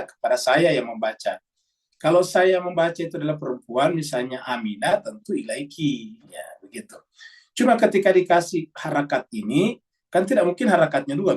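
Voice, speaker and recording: A man's voice: mid-range voice, slightly rough, far from the mic. A man teaching a religious lesson on scripture, explaining patiently and asking himself rhetorical questions before answering them. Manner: steady, patient explaining with frequent "ya" fillers. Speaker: Quran teacher.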